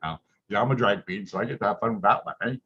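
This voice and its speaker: A man performing as a drag queen reads aloud at story time, with chanted refrains, occasional stumbles and casual asides tagged with the odd "eh". His lowish voice is quick, bright and forceful, captured as muffled lo-fi audio with clear background noise.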